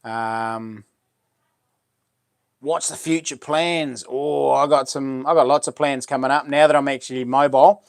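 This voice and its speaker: A man hosts a casual live chat in a broad New Zealand accent. His voice sits at an ordinary-to-deepish male pitch and is recorded dry, with little room sound. He talks in loose, matey Kiwi slang, answering viewers as he goes. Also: steady tone, measured pace, no room sound. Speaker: live stream host. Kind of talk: casual livestream chat, reading out comments.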